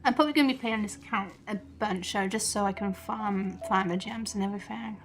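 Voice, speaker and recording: A woman with a medium-pitched voice streams a game live, talking quickly. Her commentary is casual and informal, as if she's thinking out loud.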